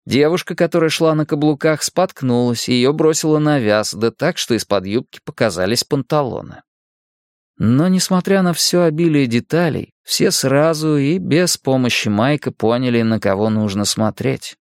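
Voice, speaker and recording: A man reading a novel aloud as an audiobook narrator, in a measured, steady way. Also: medium pitch, dry recording, studio quality. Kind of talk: scripted narration.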